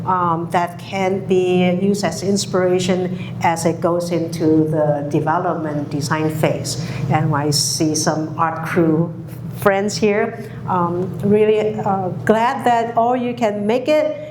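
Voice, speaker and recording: A woman who grew up in Hong Kong, giving a public talk, speaking slowly with many pauses and fillers. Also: fairly low pitch, steady tone, noisy background. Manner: slow, halting, many fillers. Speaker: guest speaker. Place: lecture hall. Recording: echoey hall recording.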